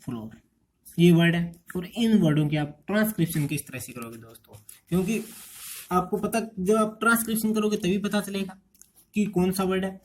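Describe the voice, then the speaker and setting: A man's voice: high voice, brisk. An Indian man teaching an English transcription lesson, quizzing students with repeated rhetorical questions. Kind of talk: exam-prep lecture.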